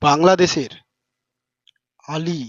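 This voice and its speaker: A male teacher giving a class lesson, talking informally and firing quick questions at his students. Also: a little high, steady tone, dry recording, highs cut off.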